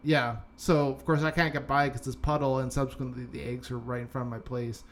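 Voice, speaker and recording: Crowd noise fills the background as this young man co-hosts a podcast in a mid-range, level voice, going a little fast. The talk is a casual, rambling chat packed with fillers and restarts.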